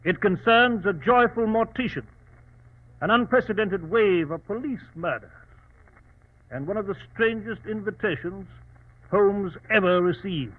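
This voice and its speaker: An actor playing a loyal, fussy, earnest gentleman doctor in 1940s radio drama style. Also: sits high, lively intonation, measured pace, phone-quality sound. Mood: genial storytelling. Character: loyal, anxious, inquisitive gentleman doctor, detective's companion. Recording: thin, scratchy old radio recording.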